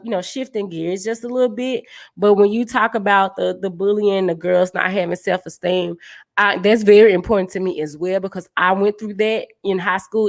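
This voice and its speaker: A deep-voiced woman hosts a casual podcast chat, speaking earnestly and encouragingly as the leader of a dance team.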